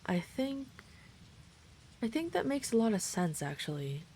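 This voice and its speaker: Her voice a little high and sing-song, a woman portrays a kind, caring dragon friend in an intimate roleplay drama, speaking at a measured pace. The tone is reassuring, considerate and slightly hesitant, with a faint hiss or hum behind it.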